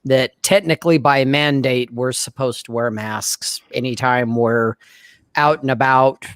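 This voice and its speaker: A man co-hosting a casual video-call show, talking in a laid-back, blunt way and often clearing his throat. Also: medium pitch, fairly even intonation, unhurried, a bit bright, dry recording, clean studio sound. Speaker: podcast co-host. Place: home room, indoors.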